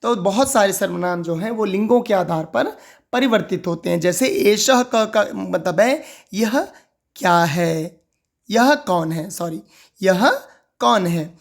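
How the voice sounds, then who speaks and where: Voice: mid-range voice, unhurried, vocal fry. A teacher explaining a grammar lesson, asking questions aloud and answering them, repeating each key word several times. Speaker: Sanskrit teacher.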